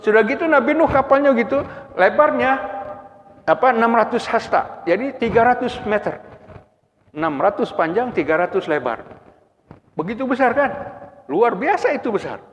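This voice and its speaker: Animated male lecturer in a reverberant mosque. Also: extremely high pitch, moderate pace, long pauses. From Brunei. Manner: animated, rhetorical questions, chuckles often. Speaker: Quran exegesis lecturer. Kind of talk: humorous religious lecture. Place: mosque hall. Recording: muffled lo-fi recording with long hall reverb.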